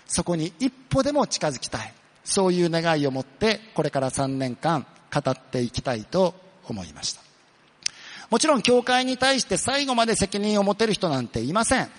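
In a large hall, a man with a voice on the high side preaches as a pastor. He is earnest, putting questions to the congregation and answering them himself, and he slows down to stress key points.

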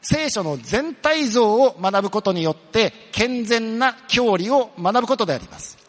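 A man's voice: sits high, lively intonation, fairly bright tone, in a large hall. A man preaching a sermon as pastor, earnest, asking the congregation questions and answering them himself. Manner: earnest, questions the listeners then answers, slows down for emphasis.

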